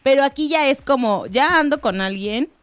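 A woman's voice: high voice, animated, moderate pace, no room sound. A woman co-hosting a casual podcast, walking through points and teasing the others. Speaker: podcast co-host. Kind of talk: casual chat.

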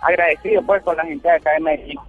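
A Venezuelan man calling a radio show, speaking haltingly with many fillers. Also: on the high side, steady tone, faint music behind. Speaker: caller. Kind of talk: radio call-in chat. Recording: dull phone-line call.

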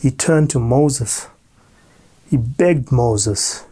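A male preacher who speaks very slowly and deliberately, leaning on repeated phrases for emphasis. His voice sits at an ordinary pitch for a man. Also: warm tone, husky. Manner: slow, deliberate, emphatic repetition. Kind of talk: sermon with scripture reading.

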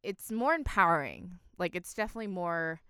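A young woman co-hosts a casual podcast chat. She tells stories in an animated, giggly way, and her voice is bright and clear. The sound is dry and close. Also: lowish voice, fairly quick, no echo. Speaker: podcast co-host.

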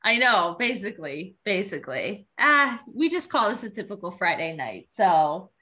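A woman with a cold hosts a casual podcast with friends. She rambles, laughs a lot and has a bright, clear tone. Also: mid-range voice, sing-song, normal speed. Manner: giggly, rambling. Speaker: podcast host.

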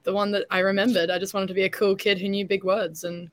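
A woman's voice: medium pitch, little pitch movement, quick pace. A young woman chatting casually as an interview guest, talkative and self-deprecating. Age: young adult. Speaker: interview guest, beauty pageant contestant.

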